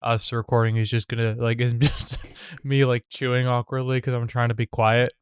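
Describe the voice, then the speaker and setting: A man's voice: mid-range voice, little pitch movement, normal speed, clear, resonant tone, no room sound, clean studio sound. A young man co-hosting a comedy podcast, telling stories in casual chat with lots of fillers and restarts. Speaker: podcast co-host.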